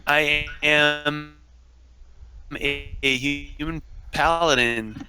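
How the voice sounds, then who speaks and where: A man playing a tabletop game over an online voice call, speaking in a halting, stop-start way while his voice comes through with a robotic, glitching distortion. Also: on the high side, steady tone, noisy background. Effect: robotic, glitching voice-chat distortion. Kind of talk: casual introduction over a voice call.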